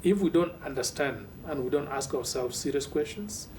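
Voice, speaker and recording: A man, speaking earnestly and in a measured way in a documentary interview. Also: animated, a little mellow. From South Sudan. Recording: distant mic with faint low rumble.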